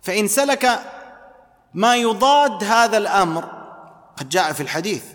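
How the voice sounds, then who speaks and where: A man's voice: sits high, normal speed, a bit bright. A man giving a religious lesson, explaining and repeating key phrases as he teaches. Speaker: preacher. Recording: long hall reverb.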